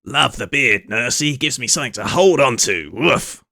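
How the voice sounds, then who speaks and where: A man's voice: medium pitch, lively intonation, moderate pace, creaky, sharp tone, dry recording, studio quality. A man streaming live, rambling through joking asides as he watches a clip. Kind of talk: casual live-stream commentary.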